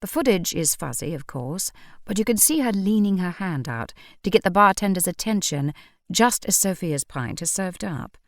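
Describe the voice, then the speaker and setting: A suave male vampire who speaks with dry, deadpan irony in a low, even voice, as a woman reads him. His lines come close and dry, with no room around them. He stays calm and unhurried throughout. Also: no room sound.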